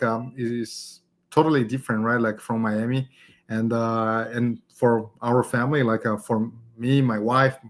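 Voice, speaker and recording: Chatty Brazilian-raised man hosting workshop. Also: mid-range voice. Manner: chatty, many fillers and "okay?" tags. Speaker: community event host teaching design. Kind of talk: casual live online workshop.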